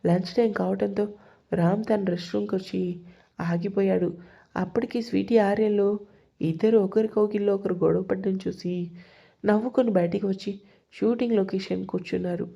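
Gravelly dark-voiced woman storyteller. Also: medium pitch, fairly even intonation, moderate pace. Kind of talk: scripted story narration.

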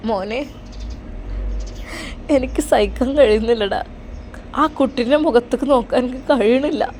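A grieving, loving mother speaks softly and pleadingly, played by a woman. Her voice sits fairly high, over a faint hiss of background noise. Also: normal speed, natural voice. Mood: tender. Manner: soft, affectionate, pleading. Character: tender, grieving middle-aged mother.

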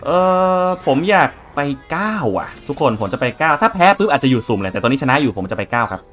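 A man's voice: medium pitch, big pitch swings, quick pace, fairly bright tone, faint music behind. Chatty young male game streamer. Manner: chatty, swears casually, talks to viewers. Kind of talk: casual gameplay commentary.

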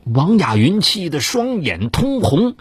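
A man's voice: huge pitch swings, takes it slowly, husky, no room sound. A man narrating a dramatized true-crime story in a theatrical, suspenseful way. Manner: theatrical, swings of pitch for suspense.

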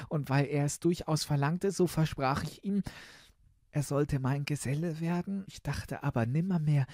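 A fretful young princess, put on by a man reading a fairy tale. Her voice sits high and rushes along breathlessly. Dry, close sound. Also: vocal fry, darkish tone, no echo. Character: frightened spoiled young princess. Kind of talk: storybook narration.

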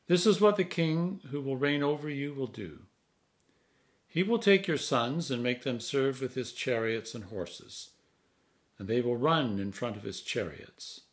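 A priest in his sixties with a mid-range voice reads scripture aloud in his home study indoors. His manner is measured and solemn, with deliberate phrasing.

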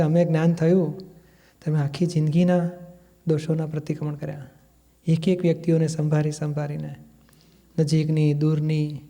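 A spiritual teacher with a Gujarati accent delivers a discourse in an easy, conversational manner. His voice is fairly high for a man yet warm and mellow, and he sometimes acts out family quarrels using quoted voices.

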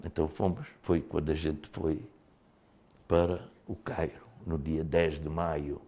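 An older Mozambican man, once a liberation fighter, recounts his story in a studio interview. His voice rumbles low and he talks a little slowly, with animated delivery and frequent casual fillers.

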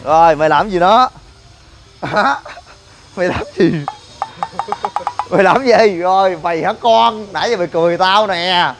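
A man's voice: high-pitched, measured pace, long pauses, music in the background. A man vlogging next to his car, talking in a casual, exasperated and joking way, full of slang. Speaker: vlogger and gym owner. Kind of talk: casual complaining vlog. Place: outdoors by a car at a gym.

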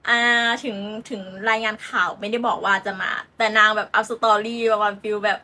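A woman's voice: medium pitch, little pitch movement, a little fast, bright, forceful tone. A young woman hosting a football channel, chatting casually about transfers in a giggly, playful way with lots of fillers.

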